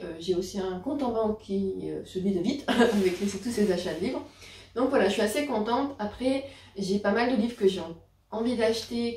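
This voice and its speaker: With a dark tone at medium pitch, a woman runs through her new books in a relaxed book haul chat as a vlogger. Fillers and self-corrections crop up constantly. The sound is roomy and slightly distant from the mic.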